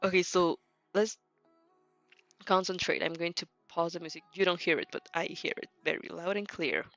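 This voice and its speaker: A young streamer reacting to fan fiction, she chats in a casual, rambling way in English, her second language, hesitating, giggling and correcting herself often. Her lowish, slightly bright voice moves at a moderate pace with fairly even intonation. The recording has no echo and comes from a dull lo-fi mic, with faint music in the background.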